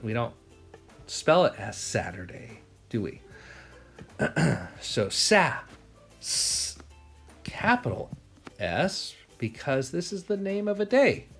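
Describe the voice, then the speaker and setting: A man's voice: fairly high pitch, vocal fry, fairly bright tone, breathy edge. An American man teaching a spelling lesson, sounding out words piece by piece and asking questions as he goes. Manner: sounds out words slowly, asks rhetorical questions.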